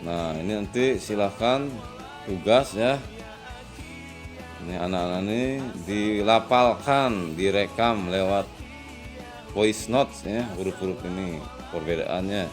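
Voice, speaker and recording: A man teaching a children's lesson in a patient, slow manner, often adding "ya" as he explains. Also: fairly low pitch, faint music behind. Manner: slow and patient, with frequent "ya" tags and louder drawn-out recitation. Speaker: religious studies teacher.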